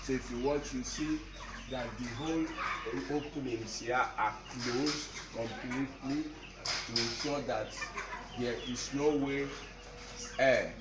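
A young man teaching on site in a poultry shed, explaining step by step, filmed by a camera a few metres away. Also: mid-range voice. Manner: slow, deliberate, explaining step by step. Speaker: poultry farm instructor. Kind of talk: on-site instructional walkthrough. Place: large poultry shed with tin roof, indoors. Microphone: camera mic, filmed from a few metres. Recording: echoey shed with farm noise. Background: birds and farm ambience.

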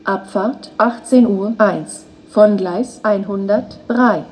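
Slow, flat female platform announcer. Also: mid-range voice, breathy edge, rough recording. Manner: flat, measured, segmented delivery. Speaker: station announcer.

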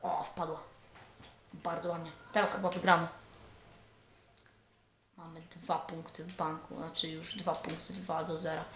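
A man commentating his own football video game match, excitable and swearing often at the game. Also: on the high side, unhurried, long pauses. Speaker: gamer. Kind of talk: let's play commentary. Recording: roomy, dull lo-fi recording with faint noise.

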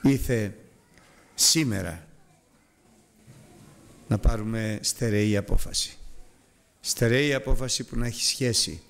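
A man's voice: creaky, pauses often, smooth. A man preaching a sermon, retelling scripture dramatically, his voice climbing and falling sharply as he addresses the congregation. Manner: dramatic retelling of scripture with big rises and drops in pitch; addresses the congregation directly and urges them.

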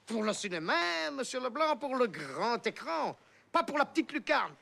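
A man's voice: very high-pitched, big pitch swings, moderate pace, vocal fry, pushed and bright, pitched above the performer's own voice, exaggerated voice. An actor playing a man who fakes a Belgian accent as a clumsy film producer on the phone, hesitant and overly formal. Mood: pompous. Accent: fake Belgian.

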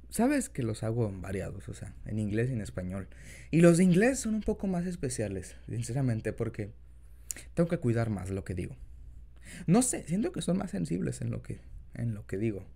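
A man's voice: medium pitch, wildly swooping pitch, moderate pace, gravelly, long pauses, warm tone. A young man with a Mexican Spanish accent, chatting casually and affectionately in a rambling, improvised boyfriend ASMR style. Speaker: ASMR boyfriend-audio creator.

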